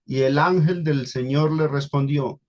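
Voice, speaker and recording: A man's voice: a little high, fairly even intonation, measured pace, a little mellow, highs cut off. A man with a Colombian accent preaching a Bible study sermon to a congregation, explaining word by word and repeating key phrases for emphasis. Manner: teaching, addresses congregation as brothers, repeats and stresses key words.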